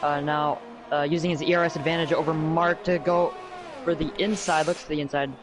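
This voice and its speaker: A man giving live sim racing commentary as co-commentator, with halting, hesitant phrasing. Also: a little high, flat delivery. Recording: clearly noisy background.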